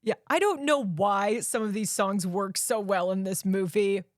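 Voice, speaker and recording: A woman co-hosting a podcast in a casual chat, animated and quick to giggle. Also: medium pitch, no room sound, clean studio sound. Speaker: podcast co-host.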